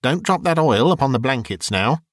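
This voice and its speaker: Man doing a coarse old charwoman, raised pitch, brash, mocking, swinging wildly up and down. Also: expressive, no echo, clean studio sound, natural voice. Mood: scornful. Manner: brash, mocking, quick bursts. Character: coarse scornful old charwoman, greedy and bold.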